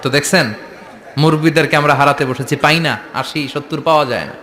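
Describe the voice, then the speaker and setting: A middle-aged man preaches with passion, asking the crowd questions and waiting for their reply. His voice sits on the high side and rings bright and forceful. It carries the echo of a loudspeaker at a large gathering. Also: brisk. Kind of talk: sermon.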